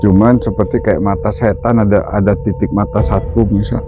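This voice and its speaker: A man presenting a night paranormal vlog in short, halting phrases addressed to viewers. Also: lowish voice, fairly even intonation. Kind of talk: night ghost-hunt vlog commentary. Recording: dull lo-fi audio, loud eerie music. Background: loud music with singing-bowl tones.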